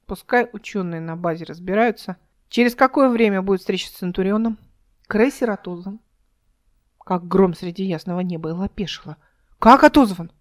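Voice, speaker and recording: A woman narrating her own science fiction audiobook in a measured, even reading style, voicing the dialogue only lightly. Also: mid-range voice.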